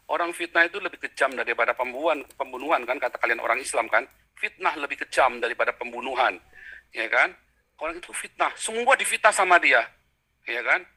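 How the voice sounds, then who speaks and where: A man's voice: mid-range voice, bright, forceful tone. A man hosting a heated video-call debate, talking in a mocking, vulgar and combative way.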